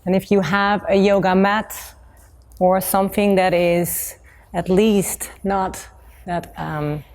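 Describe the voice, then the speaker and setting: A woman yoga teacher calmly guiding a class into gentle movement. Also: medium pitch, slow pace. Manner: calm, gentle instruction.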